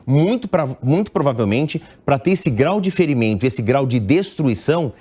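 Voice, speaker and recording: A middle-aged man with a Brazilian Portuguese accent offers analytical news commentary as an international editor, measured and explanatory, with small restarts. His medium-pitched voice is expressive, mellow and husky.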